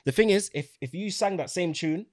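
A man's voice: high voice, moderate pace, no room sound, studio quality. A man with a London roadman accent and slang, arguing his point emphatically as an artist in a group discussion. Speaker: music artist.

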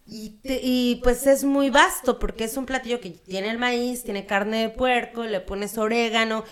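A woman's voice: a little high, fairly even intonation, measured pace. A woman from Guerrero with a Mexican accent, chatting casually as a podcast guest. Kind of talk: casual chat.

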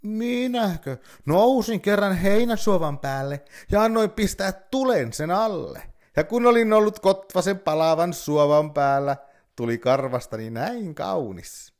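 A man's voice: sits high, lively intonation, a little mellow, pitched above the performer's own voice. A sly storybook fox with a lifted, sing-song voice that swings up and down as it coaxes and teases. A man puts it on. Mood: boastful. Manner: coaxing, mocking.

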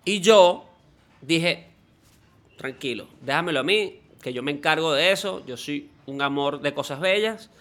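A man with a Venezuelan Spanish accent, co-hosting a casual podcast and telling an anecdote in a lively way. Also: on the high side, measured pace. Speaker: podcast co-host. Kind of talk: casual chat.

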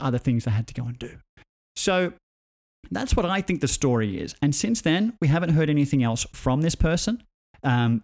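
A man, a tech commentator, telling a story in a joking, animated way with voiced asides. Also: mid-range voice. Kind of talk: casual spoken storytelling.

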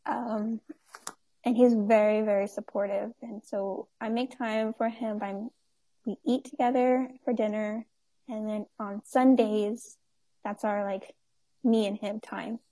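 A woman's voice: mid-range voice, flat delivery, unhurried, warm tone. A woman in her twenties chatting as an interview guest, full of fillers and easy laughs. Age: 20s. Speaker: guest, nonprofit owner. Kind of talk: casual interview chat.

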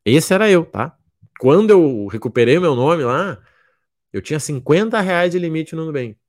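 A man coaches his audience in a casual, blunt way. His voice sits a little high and moves up and down with animation. He keeps slipping into mocking imitations of his students. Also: lively intonation, normal speed. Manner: blunt, jokey, acts out students' lines. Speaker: miles program mentor. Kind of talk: casual motivational talk.

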